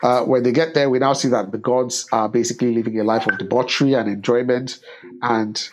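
A man with a husky voice recapping a film in casual chat, halting with many restarts. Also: medium pitch. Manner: halting, many restarts and ums, animated when joking. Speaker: podcast co-host recapping a film. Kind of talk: casual movie discussion.

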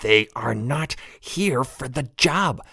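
A man voicing a small, bold young woman who gives brisk, commanding orders. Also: mid-range voice, expressive, vocal fry, sharp tone, slightly rough, dry recording, pitched above the performer's own voice, exaggerated voice. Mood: urgent.

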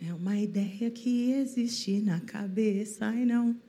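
A woman giving a devotional talk, telling a story in an animated way. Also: mid-range voice, a little slow. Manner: animated, acts out story voices. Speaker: preacher.

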